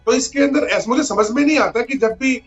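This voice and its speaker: A man's voice: very high-pitched, quick pace, faint music behind. A man speaking as a political analyst in a TV panel debate, emphatic and stumbling into restarts, on a dull lo-fi remote link.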